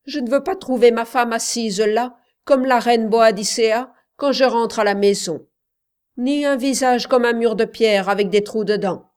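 A woman voicing a stubborn coal miner who speaks slowly, harshly and heavily. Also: a little high, a little mellow, lightly acted. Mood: grim. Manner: slow, harsh, heavy.

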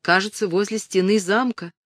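A woman's voice: mid-range voice, fairly even intonation, normal speed, no echo, natural voice. A woman voicing a frightened but determined young noblewoman crying out urgently. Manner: urgent cries, one hushed prayer.

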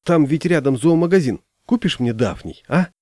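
A man's voice: on the high side, expressive, normal speed, darkish tone, no echo, studio quality, voice pushed up, lightly acted. A man voicing a friendly, fussy fish-keeping pal who talks in a coaxing, folksy way.

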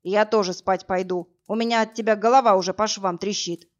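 A woman voicing a burly, crude male thug who barks orders and mocks, in a rough, coarse, threatening manner. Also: mid-range voice, fairly even intonation, brisk, lightly acted. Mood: gruff. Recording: dull lo-fi audiobook, faint music.

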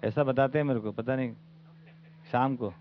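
A man's voice: mid-range voice, fairly even intonation, moderate pace. A man giving an informal talk as the teacher of a study camp, often asking his audience rhetorical questions. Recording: phone-like lo-fi recording.

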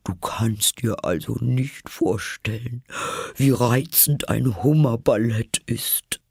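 A man voicing a weeping, sorrowful mock turtle in an audiobook, breathy and hushed, drawing his words out mournfully. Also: medium pitch, slow pace, dry recording, studio quality, voice pushed up, full character voice.

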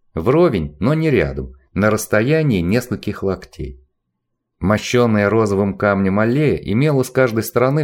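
Lively, low-voiced male audiobook narrator. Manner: expressive, even-paced storytelling. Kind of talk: audiobook reading of a novel.

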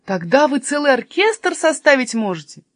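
An eager, easily amazed town barber who gets carried away, as a woman reading a storybook puts him on. His voice jumps high and loud with lively swings. The reading is close and dry. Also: moderate pace, no room sound. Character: excitable small-town male barber.

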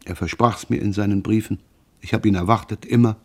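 A man reading the lines of a grieving, frightened mother in an audiobook, in a slow, mournful confessional manner. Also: lowish voice, fairly even intonation, a little mellow.

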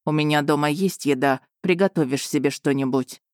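A woman's voice: low-pitched, a little fast, darkish tone, no room sound, clean studio sound, close to an everyday voice. A woman voicing a stern, commanding duke who gives curt, clipped orders.

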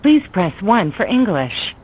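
A woman's voice: medium pitch, sing-song, unhurried, slightly rough. A woman's recorded automated phone message, reading a scripted telemarketing prompt in a polite, upbeat sales manner over a phone line. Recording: tinny phone line with faint hiss.

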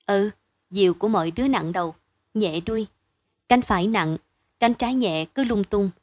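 A woman's voice: mid-range voice, normal speed, a little mellow, no room sound, lightly acted. A woman voicing a caring older brother in a bedtime story, speaking plainly and reassuringly. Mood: steady.

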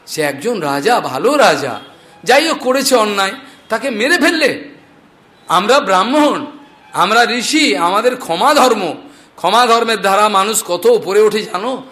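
Guy doing stern old sage scolding his boy, high bright voice, preachy. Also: animated, unhurried, exaggerated voice. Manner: reproachful, moralizing.

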